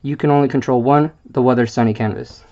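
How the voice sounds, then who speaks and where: A man's voice: mid-range voice, steady tone, dark tone. Man reading card text, slightly muffled. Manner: halting, stumbles over card wording with fillers. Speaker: YouTube deck presenter.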